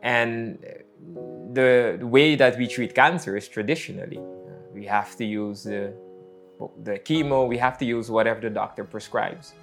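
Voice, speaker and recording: A man, telling his personal faith story in a reflective, halting way with many fillers. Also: mid-range voice. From Netherlands. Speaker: missionary. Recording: faint music underneath.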